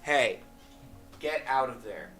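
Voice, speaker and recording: Excitable young man streaming a game. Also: mid-range voice, takes it slowly, recorded from a distance. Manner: excitable, swears often, sudden loud outbursts. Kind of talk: casual gameplay commentary. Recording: game music loud behind.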